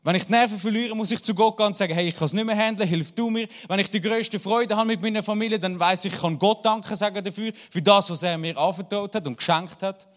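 A man's voice: high-pitched, steady tone, fast, few pauses, a bit bright. A man in his thirties with a Swiss German accent, preaching a church sermon full of personal anecdotes and humor. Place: church hall. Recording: long hall reverb.

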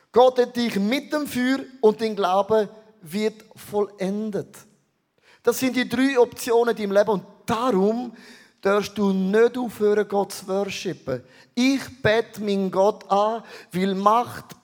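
Pastor guy, middle-aged, really high voice, punchy sermon, throws in english words. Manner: energetic, mixes English phrases into German.

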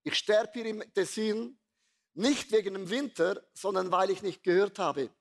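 A man's voice: high-pitched, a little slow, gravelly, heavily acted. A man voicing a stubborn, know-it-all little male bird in a fable he tells during a sermon. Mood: despairing. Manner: cocky, dismissive.

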